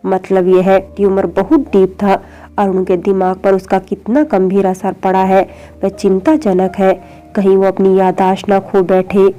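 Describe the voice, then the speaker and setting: A woman voicing a calm male surgeon who gives news in a measured, reassuring way. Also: mid-range voice, muffled recording, natural voice. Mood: serious.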